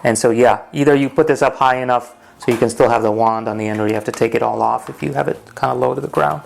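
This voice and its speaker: A man hosts a casual home unboxing video with a medium-pitched voice. He talks through his impressions in a rambling, matter-of-fact way. There is clear noise behind him, with some clicks. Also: steady tone, fast talker. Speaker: host of a product unboxing vlog. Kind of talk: casual hands-on product review.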